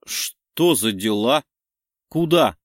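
A man's voice: medium pitch, lively intonation, drawn-out words, no echo, studio quality. A man voicing a young woman heroine, slightly raised and breathless. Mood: flustered.

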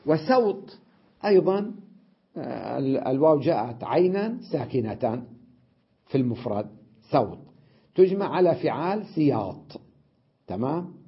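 A man's voice: mid-range voice, very animated, measured pace, long pauses, slightly rough, muffled recording. A man teaching an Arabic grammar lesson, explaining step by step, repeating words and checking with his students.

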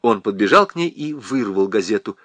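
A man's voice: fairly low pitch, animated, fairly quick, a bit bright, dry recording. A man reading an audiobook aloud with theatrical expression on a close studio mic. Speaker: audiobook narrator. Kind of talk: scripted audiobook narration.

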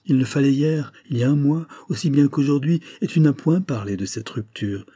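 A guilt-stricken woman confesses and pleads with her young lover, her words impassioned and tremulous, read by a man in his own husky voice. The tone is dark and low. The recording is dry and close, like a storybook. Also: moderate pace, dry recording, natural voice. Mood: anguished pleading. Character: guilt-torn married woman, anguished older lover.

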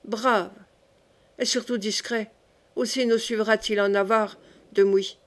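A woman's voice: medium pitch, steady tone, takes it slowly, natural voice. A woman reading the part of a cunning young king who speaks in a wry, teasing way. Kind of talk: audiobook character reading.

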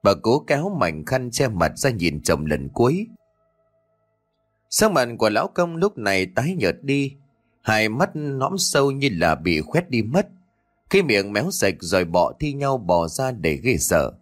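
A man narrating a horror story in a dramatic, expressive manner. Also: medium pitch, measured pace. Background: faint music.

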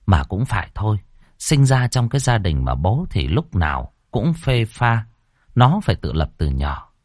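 A man reading a ghost story in a dramatic, expressive way. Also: on the low side, moderate pace, dry recording, studio quality. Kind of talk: scripted ghost story narration.

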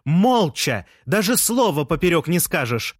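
Man putting on a shrill bossy shouting woman. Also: sing-song, a little slow, no echo, clean studio sound. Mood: angry shouting.

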